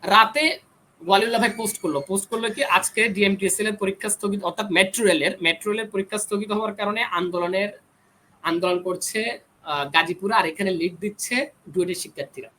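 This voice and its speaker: A young man's high, bright voice comes across fast and forceful as he insists on his position during a heated panel debate. He's an engineering student invited as a guest, argumentative and refusing to be interrupted, and the rough audio has a slight hiss or hum.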